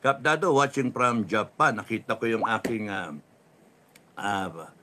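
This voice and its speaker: Animated Filipino man with a lively, rising voice. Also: unhurried, a little hiss or hum. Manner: animated, laughs often, drops to a low mutter after punchlines. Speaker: livestream host reading viewer comments. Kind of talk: casual livestream talk, mixing Tagalog and English.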